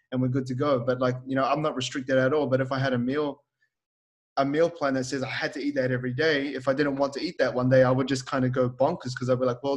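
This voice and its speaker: Easygoing male podcast host, rambling. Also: medium pitch. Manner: relaxed, rambling, heavy on fillers like "like" and "you know". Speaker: podcast host and fitness coach. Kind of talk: casual podcast chat.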